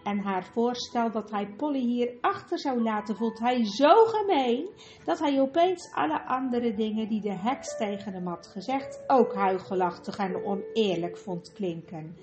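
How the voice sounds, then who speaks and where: A woman reading a children's storybook aloud in a steady, clear telling. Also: on the high side, a little slow, highs cut off. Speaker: audiobook narrator. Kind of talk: storybook narration. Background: faint music.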